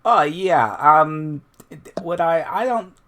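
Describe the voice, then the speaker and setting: A man's voice: a little high, expressive, slow, a bit bright, voice pushed up. A man playing an airy, eager, dim young woman bard in improvised tabletop role-play, breezily agreeing as talk goes. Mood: agreeable, naive. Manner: begins replies with a breezy "oh yeah". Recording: clear background noise, room ambience.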